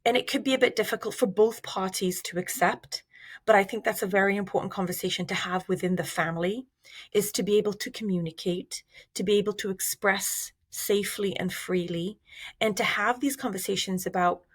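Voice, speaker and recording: A middle-aged woman from Iraq, a researcher giving measured, thoughtful interview answers with fillers and restarts. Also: medium pitch, fairly even intonation, husky. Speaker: researcher guest.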